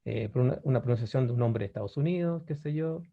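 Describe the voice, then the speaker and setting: Speaking fast with vocal fry, a medium-pitched man leads a webinar lesson on language-learning websites over phone-quality sound. As a language teacher he keeps an easy explanatory pace, restarting and using fillers often while checking in with viewers.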